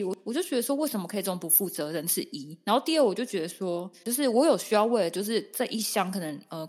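Woman, 30s, casual storytelling, emphatic, acts out quotes, mid pitch, long reverb. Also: husky. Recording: echoey room with long reverb.

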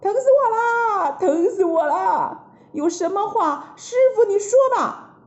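A woman voicing the monkey king, a loyal and mischievous male monkey, in a high, pleading and indignant voice. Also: expressive, a little slow, reverberant. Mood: pained. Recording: slightly dull lo-fi recording.

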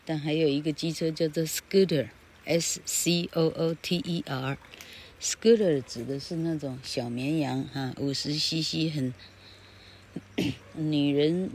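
A woman's voice: sits low, fairly even intonation, measured pace, a little mellow, a little hiss or hum. A woman teaching grammar in a casual, rambling way, spelling words out letter by letter. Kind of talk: casual spoken lesson.

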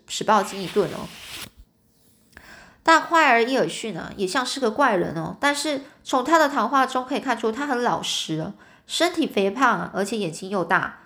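A woman reads a detective story aloud. Her delivery is relaxed and chatty, strewn with filler particles, and her voice sits fairly high. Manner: casual, with many filler particles. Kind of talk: storybook reading.

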